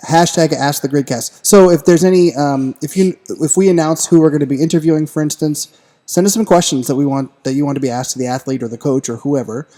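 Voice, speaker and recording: Mellow-voiced enthusiastic podcast co-host man. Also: on the high side, fast. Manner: enthusiastic, jokey, many fillers. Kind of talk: casual podcast chat.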